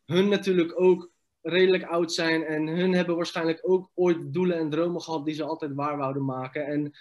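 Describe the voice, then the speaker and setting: Emphatic man, higher voice. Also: little pitch movement, brisk. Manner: emphatic, blunt, with loose English slang. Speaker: podcast guest, entrepreneur. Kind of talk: casual podcast conversation.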